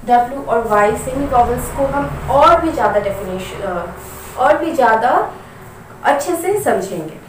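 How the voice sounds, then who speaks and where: A woman's voice: a little high, lively intonation, unhurried, far from the mic. A woman teaching English grammar, patiently repeating words and asking learners questions as she goes. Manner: asks rhetorical questions. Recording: echoey room, voice from off the mic, faint noise.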